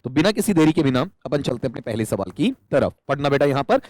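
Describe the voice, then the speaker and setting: A man's voice: medium pitch, big pitch swings, fast, darkish tone, dry recording. A man teaching an exam-prep English lesson, explaining step by step and asking and answering his own questions. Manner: calls students "beta".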